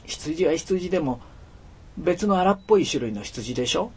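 A man voicing a small, earnest boy in a storybook reading, speaking in a soft, slow, pleading child's voice. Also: fairly high pitch, animated, slightly rough, pitched above the performer's own voice. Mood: gently. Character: small earnest boy, gentle but insistent.

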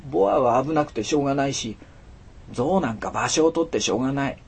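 A man voicing a small, earnest boy in a storybook reading, speaking in a soft, slow, pleading child's voice. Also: mid-range voice, animated, vocal fry, breathy edge, full character voice. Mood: insistent. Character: small earnest boy, gentle but insistent.

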